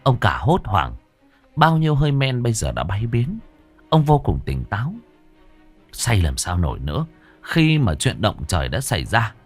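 A man narrating a ghost story in a dramatic, expressive way. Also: lowish voice, normal speed, breathy edge, soft background music.

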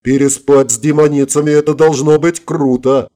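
Man playing a gruff street tough, cocky, mellow low-key voice. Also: fairly even intonation, a little fast, natural voice. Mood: swaggering. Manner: swaggering, gruff.

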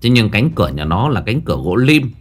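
A man's voice: fairly low pitch, big pitch swings, fairly quick. A man narrating a Vietnamese ghost story in the first person, telling it in a dramatic way.

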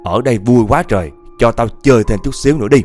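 A man's voice: mid-range voice, fast, a little mellow, soft background music, close to an everyday voice. A man voicing a mocking male drunkard ghost who possesses a man, speaking with a taunting, defiant swagger.

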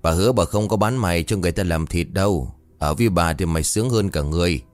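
A man's voice: lowish voice, animated, fairly quick, darkish tone, no echo, faint music behind, close to an everyday voice. A man voicing an older village woman who owns a pig, lamenting in a raised voice. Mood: coaxing.

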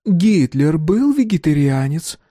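A sardonic woman needles her listener with pointed, sarcastic questions, voiced by a man reading aloud. Her voice is high and lively, with a close, dry sound. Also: extremely slow, no echo.

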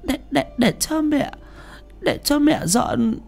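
A woman voicing a frail, timid, loving old grandmother who stammers and pleads softly in an audio story. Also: high-pitched, sing-song, takes it slowly, gravelly, faint music behind, exaggerated voice. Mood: fearful pleading.

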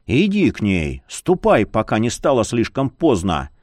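A man voicing the ghost of a brash young man who taunts his friend in a higher, slowed voice. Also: wildly swooping pitch, a little mellow, dry recording, studio quality. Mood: urging. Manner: taunting, drawn-out, higher than the narration.

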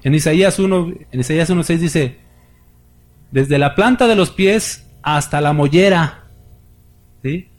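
Male pastor, fairly high voice, emphatic sermon delivery with scripture readings. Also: a little slow, long pauses. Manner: emphatic preaching, rising for scripture, addresses congregation as brothers.

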